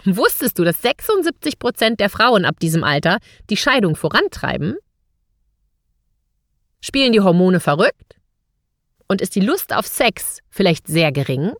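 A woman's voice: mid-range voice, sing-song, a little slow, no room sound, clean studio sound. A woman hosting a podcast, speaking straight to the listener in a scripted monologue full of rhetorical questions. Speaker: podcast host.

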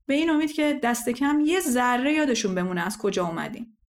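A woman reading a first-person story aloud in a calm, reflective manner. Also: on the high side. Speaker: story narrator. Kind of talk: scripted first-person narration.

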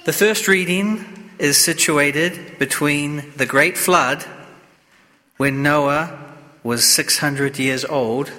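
Priest guy giving a slow solemn sermon, bright forceful voice, big cathedral echo. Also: fairly high pitch. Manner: solemn, deliberate, measured phrasing. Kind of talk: sermon and scripture reading at Mass. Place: inside a church. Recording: long cathedral-like echo of a church.

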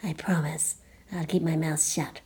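A woman storyteller voicing a sly snake who wants a ride, in a low, hushed, hissing voice. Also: flat delivery, unhurried. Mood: promising.

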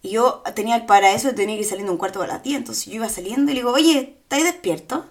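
A young Chilean woman co-hosting a podcast, telling stories in a lively, slangy, laughing way. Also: medium pitch, rapid-fire. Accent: Chilean Spanish. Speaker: podcast co-host. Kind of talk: casual chat.

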